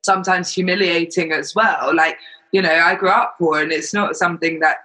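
High, bright, husky-voiced man. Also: fairly even intonation, moderate pace, low-quality recording. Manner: frank, explanatory, acts out imagined quotes. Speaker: charity volunteer. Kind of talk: casual chat.

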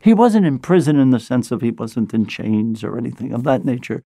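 Mellow man with a Brooklyn accent. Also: mid-range voice, very animated, a little fast, no echo, clean studio sound. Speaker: historian and author, interviewed guest. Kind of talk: interview commentary.

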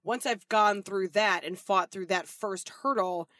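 Woman podcast co-host, mid pitch, dry close mic, thoughtful and affirming. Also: a little slow, fairly bright tone, dry recording. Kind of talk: casual conversational podcast.

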